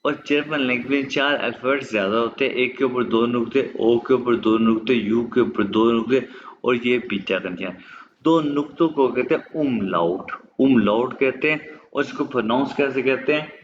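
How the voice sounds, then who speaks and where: A man whose first language is Urdu, teaching a German lesson online and drawing out pronunciation drills slowly. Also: mid-range voice, lo-fi sound, a little hiss or hum. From Pakistan. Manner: slow, drawn-out pronunciation drills.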